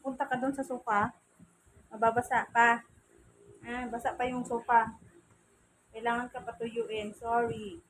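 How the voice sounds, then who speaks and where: Cooing high-voiced Filipino woman. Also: level tone, unhurried, pauses often, slight background noise, low-quality recording. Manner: cooing, teasing baby talk mixing English and Tagalog. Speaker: pet owner vlogger. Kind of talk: casual chat to her cat while drying it. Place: home, by a fan.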